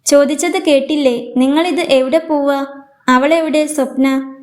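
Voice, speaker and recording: A woman voicing a drunk, angry man who bullies his family, with shouting, demanding lines in a storybook reading. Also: high voice, steady tone, measured pace.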